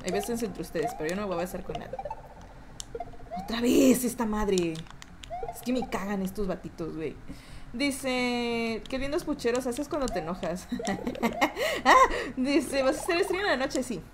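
Young woman, Mexican accent, game streamer, rowdy, lively pitch, noisy recording. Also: normal speed. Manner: rowdy, swears and laughs a lot, reads chat aloud. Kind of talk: live gameplay stream chatting with chat.

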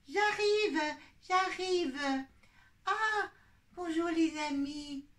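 Woman doing a soft, gentle little bear cub. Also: extremely high pitch, drawn-out words, recorded from a distance, pitched above the performer's own voice, full character voice. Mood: sweet. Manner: soft, gentle, polite childlike voice. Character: gentle sweet little boy bear twin. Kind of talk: children's puppet show.

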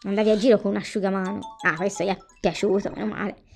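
A woman's voice: mid-range voice, fairly even intonation, fast, vocal fry. A woman giving casual commentary on a life-sim game, chatting to viewers and to the game's characters. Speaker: gameplay commentator. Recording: faint background music.

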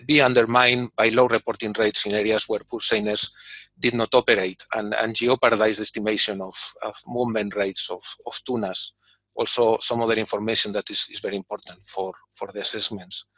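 An industry representative delivers a keynote from a script via video call, his mid-range voice bright and forceful. The recording is dry, and his talk is peppered with fillers and repeated words.

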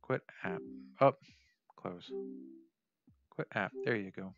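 A man's voice: deep voice, slow pace, dull audio, soft background music. A man streaming a game, talking casually to viewers, thinking aloud and often correcting himself mid-sentence. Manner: swears casually, talks to viewers. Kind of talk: casual let's play commentary.

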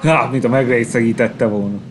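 A man commentating his own game playthrough, calm and hesitant between fights and yelling at the screen during them. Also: mid-range voice, background noise. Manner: hesitant with filler pauses when calm. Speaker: gameplay commentator. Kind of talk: let's play commentary.

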